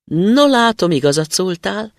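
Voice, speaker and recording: A man's voice: sits high, very animated, creaky, dry recording, studio quality, pitched above the performer's own voice, exaggerated voice. A man doing a cheeky young student. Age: young adult.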